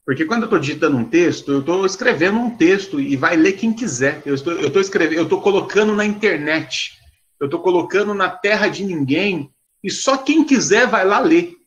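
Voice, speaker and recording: A man, a pastor telling a story to a live online audience in an animated, sarcastic way. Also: high voice, fairly quick, dull audio.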